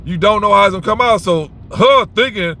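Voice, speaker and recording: Speaking a little fast in a high-pitched voice that sounds creaky, pushed, and bright, a man rambles through an unscripted advice monologue. His casual talk is blunt, full of swearing, and marked by restarted sentences; slight background noise is present.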